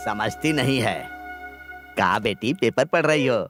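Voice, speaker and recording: A man's voice: medium pitch, measured pace, over music, lightly acted. A man dubbing a lazy, bossy husband who grumbles and demands things in a comic film scene. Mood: grumbling. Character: bossy, lazy middle-aged husband who nags his wife.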